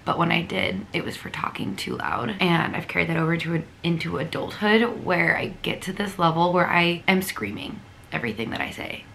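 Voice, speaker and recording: Sitting up in bed in a hotel room, a young woman chats casually to camera for her vlog. Her voice is on the low side, gravelly and scratchy yet a bit bright, and fairly quick, her talk gushing and stuffed with fillers.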